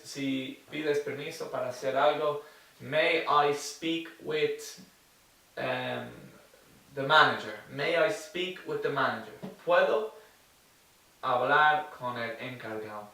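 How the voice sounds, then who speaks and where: Slow, bright-voiced man teaching in an echoey room. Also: on the high side, vocal fry. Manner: explains slowly, repeating example phrases. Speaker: English teacher. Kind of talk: online language lesson. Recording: roomy echo, mic at a distance.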